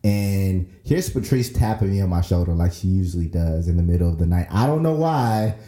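Guy, low mellow voice, chatting easy with echo in the room. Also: expressive, fairly quick. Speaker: co-host. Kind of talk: casual chat. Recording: roomy echo.

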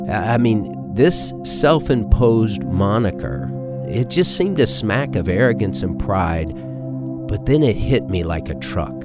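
Earnest pastor over soft music. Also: male voice, lowish voice, very animated, a little slow. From Texas. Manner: earnest, conversational preaching with rhetorical questions. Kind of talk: podcast sermon. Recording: with background music.

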